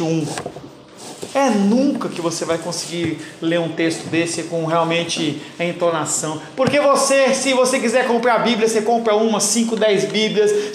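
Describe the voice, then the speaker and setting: A man with a fairly high voice teaches a Bible class as pastor, blunt and teasing. His voice rings through a roomy church hall, with a faint hiss beneath it. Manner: blunt, teasing, addresses listeners by name.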